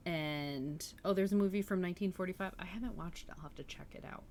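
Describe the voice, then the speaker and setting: A fast-talking woman with a lowish, slightly mellow voice hosts a book-reading livestream, chatting enthusiastically and reacting to viewer comments. A faint hiss or hum runs underneath.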